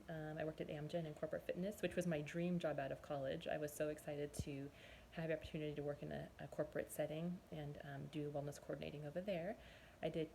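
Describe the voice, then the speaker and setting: Gravelly-voiced woman in her forties. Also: low-pitched, warm tone, slight background noise. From Southern California, US. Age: 40s. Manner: chatty and earnest, frequent pauses to recall. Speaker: nutrition and fitness coach. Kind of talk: personal testimonial monologue.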